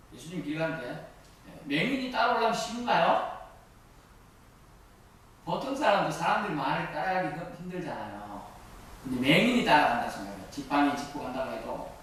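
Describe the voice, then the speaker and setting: Fairly bright and on the high side, this middle-aged pastor's voice fills a church sanctuary as he preaches, regularly asking the congregation questions only to answer them himself. It sounds echoey, with a distant mic and faint noise.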